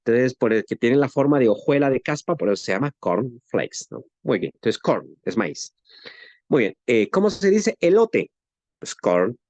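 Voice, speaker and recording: A Guatemalan man with a western Guatemalan Spanish accent teaches a Bible lesson conversationally in a medium-pitched, very animated, slightly mellow voice at normal speed. He asks rhetorical questions and often tacks on "¿no?". The recording is lo-fi with no room sound.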